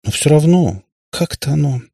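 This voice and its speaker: A man's voice: on the high side, expressive, moderate pace, creaky, warm tone, husky, no room sound, studio quality, voice pushed up, exaggerated voice. A man voicing a sad warlock father who rambles in pompous explanations. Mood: weary. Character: male warlock father, sad and long-winded.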